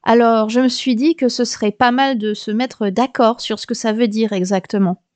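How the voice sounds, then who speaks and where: A woman in her thirties or forties, from France, hosts a podcast with a high, light voice. She talks in a chatty, explanatory way with a touch of humour. The recording is close and dry, with no room sound. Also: steady tone, moderate pace, darkish tone, dry recording. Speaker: podcast host. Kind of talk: scripted podcast monologue.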